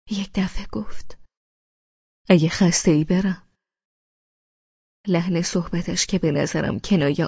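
A woman's voice: on the low side, vocal fry, husky, no room sound, lo-fi sound. A woman narrating a novel in the first person as an audiobook, with an anxious, intense manner that slips into whispers. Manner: anxious, intense inner monologue, slipping into whispers.

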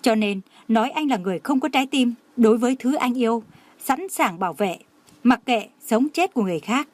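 A woman's voice: on the high side, lively intonation, a little fast, a little mellow, dry recording. A woman voicing an outspoken, fiery young heroine in an audio novel, defiant and indignant.

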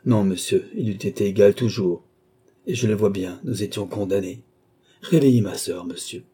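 A man's voice: lowish voice, normal speed, dark tone, husky. A man voicing a grieving, hot-tempered young nobleman in an audiobook, with agitated, broken outbursts. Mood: distraught.

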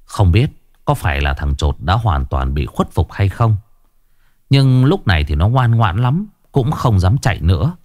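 Lively male ghost story narrator. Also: on the low side, a little slow, no room sound, clean studio sound.

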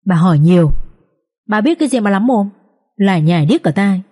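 A woman's voice: mid-range voice, animated, a little fast, warm tone, lightly acted. A woman reading an audiobook voices a crafty, coarse village thief who bosses his wife around in crude, brash banter. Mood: bossy.

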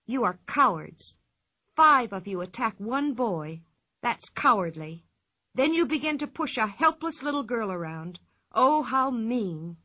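A woman voicing a bold, cheerful young girl in a storybook reading, with a lively, playful lilt. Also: a little high, unhurried, dry recording, studio quality, exaggerated voice. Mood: scolding.

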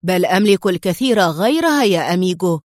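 A woman voicing a menacing male crime boss who speaks in a cold, stern, deliberate way. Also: mid-range voice, expressive, no echo, clean studio sound, lightly acted. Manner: stern, slow and icy.

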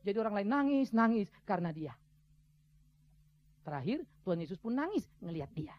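A man preaching a sermon as a pastor, conversational and lively, acting out other people's voices. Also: sits high, fairly quick. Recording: dull lo-fi sermon recording.

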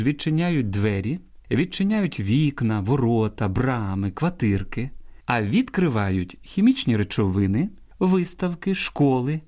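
A man with a Ukrainian accent presents a scripted radio language program. His voice is mellow and dark, and his intonation stays lively as he reads. He explains word meanings in a careful, teaching way. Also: medium pitch. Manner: measured, didactic reading with quoted examples.

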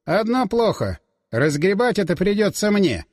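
A man voicing a calm, condescending man who mocks others in a relaxed, sarcastic way, in a raised put-on voice. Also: high-pitched, normal speed, voice pushed up. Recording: long reverb tail.

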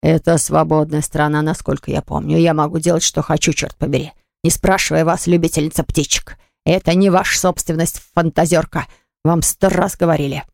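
A woman voicing a gruff, rude middle-aged male baker who blusters and snaps. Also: low-pitched, flat delivery, fairly quick, a little mellow, no echo, studio quality. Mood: blustering. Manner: surly, blustering.

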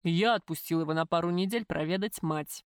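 A woman voicing an older male crime boss who speaks calmly and with mild mockery in an audiobook. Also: fairly low pitch, a little fast, smooth, no room sound, studio quality, lightly acted. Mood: mocking. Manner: calm, slightly mocking.

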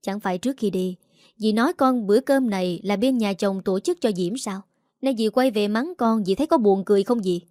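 A woman's voice: mid-range voice, a little fast, darkish tone, no room sound, clean studio sound, lightly acted. A woman voicing a timid but stubborn eighteen-year-old girl who pleads defensively. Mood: tearful defiance.

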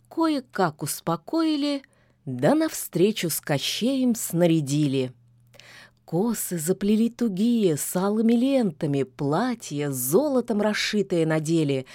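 A woman narrating a folksy fairy tale in an expressive storytelling manner. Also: mid-range voice, no room sound, clean studio sound. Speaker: audiobook narrator.

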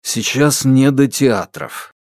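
A man reading an audiobook, voicing a shaken young man who speaks in a subdued, halting way. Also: mid-range voice, a little mellow, no echo, clean studio sound, pitched above the performer's own voice, lightly acted.

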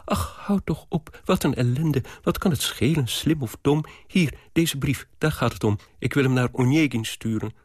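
A man reading aloud as a lovesick, anxious young woman, in a low, earnest, pleading tone. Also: normal speed, few pauses, breathy edge, no echo, clean studio sound, lightly acted. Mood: urgent.

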